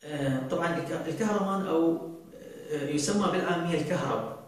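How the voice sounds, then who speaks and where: A man, answering viewer questions on a show, talking slowly with many drawn-out fillers and restarts. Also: on the high side. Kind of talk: casual talk show monologue. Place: indoor studio set at a desk. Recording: very roomy, from far off the mic.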